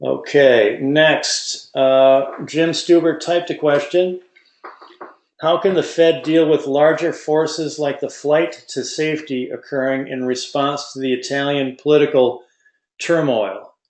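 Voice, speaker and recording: A man's voice: fairly high pitch, steady tone, takes it slowly. Man moderating a webinar, echoey room. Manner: reads out audience questions, folksy asides. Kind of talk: casual online webinar Q&A.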